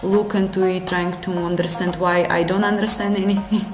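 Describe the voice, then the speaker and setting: On her live coding stream, this game engine developer from Russia reasons out loud and answers viewers in hesitant, self-correcting English with a Russian accent. She speaks fairly low with little pitch movement, in a roomy space with background music.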